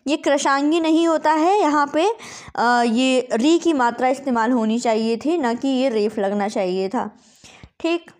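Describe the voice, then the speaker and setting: A woman's voice: high voice, measured pace, a little mellow. A woman tutor going through quiz answers, patiently spelling out words letter by letter and checking in with "okay" often. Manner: patient, repeats "ठीक है" often. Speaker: Hindi exam tutor.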